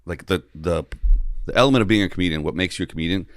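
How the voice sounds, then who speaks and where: A man with a low voice hosts a casual comedy interview. He banters in slang and keeps it jokey. The recording is dry, without audible room. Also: racing, dry recording. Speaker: podcast host.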